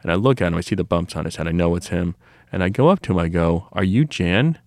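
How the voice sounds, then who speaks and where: A man's voice: low voice, racing, gravelly, darkish tone, no room sound, clean studio sound. A middle-aged man who runs a comic shop, telling long rambling stories on a podcast with many restarts and asides. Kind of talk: casual storytelling conversation.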